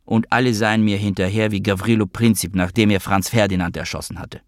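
A man reading an audiobook voices a sharp-tongued, bitter adult woman with a sarcastic, needling manner, pitching his voice up for her. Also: steady tone, a little fast, no echo, studio quality, lightly acted. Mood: taunting. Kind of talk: audiobook character voice.

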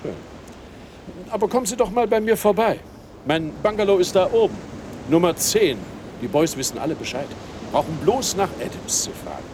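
An actor playing a talkative, over-friendly American tourist in a radio play. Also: male voice, high voice, lively intonation, moderate pace, background noise. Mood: jovial. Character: chatty middle-aged American tourist man.

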